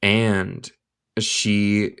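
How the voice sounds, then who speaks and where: A man's voice: on the low side, level tone, extremely slow, gravelly, fairly bright tone, clear, resonant tone. A man from Michigan with an American accent, a native English speaker teaching in Spanish, who reads a story word by word, then repeats and translates it. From Michigan, United States. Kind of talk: live reading lesson, chatting with viewers.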